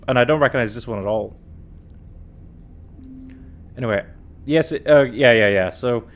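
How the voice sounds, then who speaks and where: A tired man streaming a puzzle game, talking casually and thinking aloud as he works through it. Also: medium pitch. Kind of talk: casual let's-play commentary.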